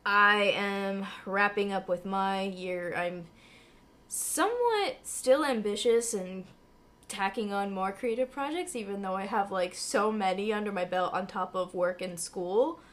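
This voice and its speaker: A young adult woman with a raspy, hoarse voice like a smoker's, partly lost from flu, chatting casually in a wry, self-deprecating way. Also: mid-range voice, measured pace, a bit bright. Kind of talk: casual chat.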